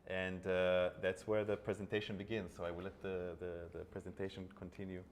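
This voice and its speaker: A man from Israel, an animation studio co-founder, speaking on a panel in a measured way that trails off softly at phrase ends. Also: sits low, little pitch movement. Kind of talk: panel talk. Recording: long hall reverb, faint background noise.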